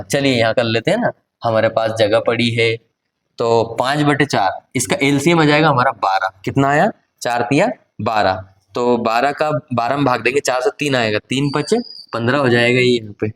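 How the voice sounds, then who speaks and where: A man with a Hindi accent teaching a maths lesson, working through each step aloud and quizzing the class. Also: medium pitch. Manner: talks himself through each step and asks the class rhetorical questions; switches to motivational exhortation.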